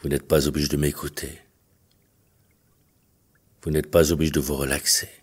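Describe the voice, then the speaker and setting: A male hypnotherapist leading a guided hypnosis session in a slow, detached, hypnotic delivery, with soft music behind him. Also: rumbling low, flat delivery, husky. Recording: faint background music.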